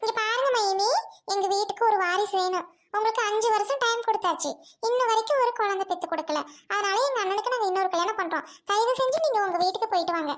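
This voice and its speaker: A woman playing a harsh sister-in-law who orders the wife out in a family drama skit. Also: fast. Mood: bossy. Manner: shrill, bossy, ordering. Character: harsh young sister-in-law, bossy and cruel.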